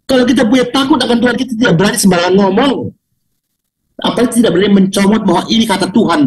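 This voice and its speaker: An older man preaching a sermon over a video call, swinging from loud, mocking highs to low, quiet asides. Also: racing, rough recording. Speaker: pastor.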